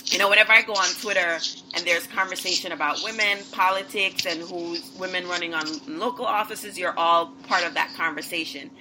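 A woman's voice: fairly low pitch, fairly even intonation, a little fast, hardly any pauses, background noise. A woman hosting a podcast, enthusiastic, with loose phrasing and restarts. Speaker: podcast host. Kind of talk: casual conversation.

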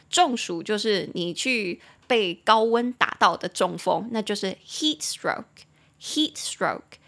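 A young Taiwanese woman hosting a casual English lesson podcast, chatty and laughing often, slowing down to repeat and spell English words. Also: mid-range voice, fairly bright tone. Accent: Taiwanese Mandarin. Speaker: English teacher and podcast host.

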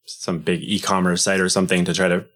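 A man's voice: sits low, level tone, quick pace, a bit bright. A man hosting a podcast interview, asking questions in a chatty way. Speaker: podcast host. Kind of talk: casual interview.

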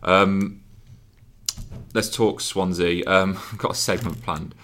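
A man's voice: low-pitched, fairly even intonation, slow, fairly bright tone. A man with a Birmingham accent hosting a casual football podcast, running a jokey quiz. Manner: jokey quiz-master, chuckles between words. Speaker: podcast host.

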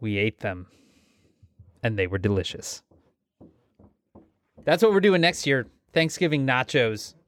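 Man podcast co-host, animated, exclamatory, dry close mic, mid pitch. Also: measured pace, pauses often, no room sound. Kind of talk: casual chat.

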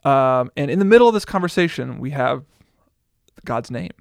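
A man with a gravelly, mid-pitched voice reads Bible verses aloud in a casual podcast chat. He drops in short remarks between the passages. The sound is dry and close to the mic. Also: expressive, normal speed, no echo. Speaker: podcast co-host.

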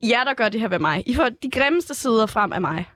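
A woman's voice: fairly high pitch, animated, fairly bright tone, no echo. A young woman guesting on a radio show, cheeky and self-assured in casual chat. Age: young adult. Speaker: studio guest.

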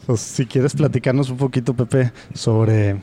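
A man hosting a podcast interview in a relaxed, chummy way with casual slang. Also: medium pitch, measured pace, a little hiss or hum. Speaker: podcast host.

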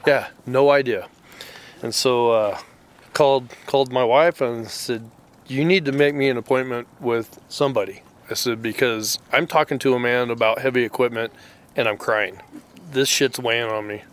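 A middle-aged man, father of a Marine, telling an emotional story in a blunt, halting way and cursing freely. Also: mid-range voice, steady tone.

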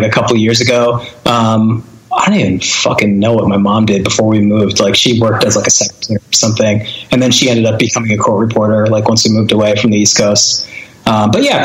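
Laid-back rambling man in a roomy space. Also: medium pitch. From born in Boston, raised in Connecticut and Wisconsin. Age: 30s. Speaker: interview guest, filmmaker and former hardcore musician. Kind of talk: casual podcast conversation. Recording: roomy echo.

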